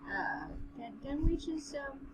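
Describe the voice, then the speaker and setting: A woman co-hosts a casual read-along podcast, reading a novel aloud and commenting in an earnest, rambling, hesitant way. Her voice is high with big pitch swings, she speaks slowly, and the recording is very noisy. It's casual chat mixed with amateur read-aloud and commentary.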